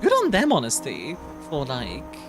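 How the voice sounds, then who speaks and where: A woman's voice: low voice, wildly swooping pitch, a little slow. A young woman streaming a video game, chatting casually and rambling with fillers and laughs. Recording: game music playing behind.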